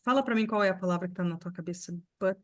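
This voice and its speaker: A woman teaching a live online pronunciation lesson, explaining patiently and repeating sounds slowly for her students. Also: on the low side. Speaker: English teacher.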